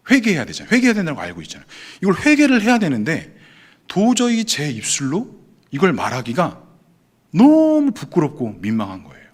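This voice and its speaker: A man's voice: fairly high pitch, huge pitch swings, brisk. A male pastor giving a sermon testimony, acting out his own past prayers and thoughts as he tells the story.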